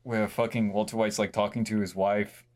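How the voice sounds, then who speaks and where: A man's voice: lowish voice, level tone, moderate pace, a little mellow. Young man rambling in sweary slang. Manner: profane, slangy, rambling with many likes. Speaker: podcast and livestream co-host. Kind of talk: casual chat, recounting and banter.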